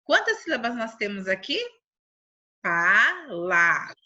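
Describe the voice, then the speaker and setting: A woman with a Brazilian Portuguese accent teaching a remote lesson to young children, stretching words out slowly and asking them questions. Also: on the high side, sing-song, sharp tone, breathy edge, highs cut off. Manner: slow, syllable-stretching teacherly delivery. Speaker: primary school teacher.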